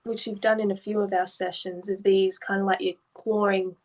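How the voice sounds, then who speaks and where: A woman art therapist with a mid-pitched voice, talking gently through a client's artwork. She asks careful questions and explains what the marks might mean in a calm, conversational way. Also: moderate pace, low-quality recording.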